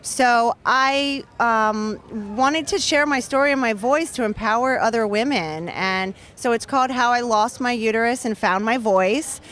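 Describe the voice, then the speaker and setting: An author in her thirties speaks earnestly and fluently as a guest in an interview at the booth area of an outdoor charity race. Her voice is on the high side and fairly bright, unhurried with few pauses, with a little hiss or hum on the recording.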